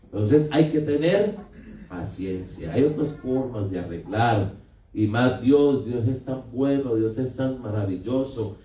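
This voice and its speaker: A man's voice: mid-range voice, a little slow, dark tone. Preaching man in an echoey hall. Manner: conversational preaching, asks the congregation questions. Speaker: pastor. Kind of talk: sermon. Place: church hall. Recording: echoey hall, picked up from a distance.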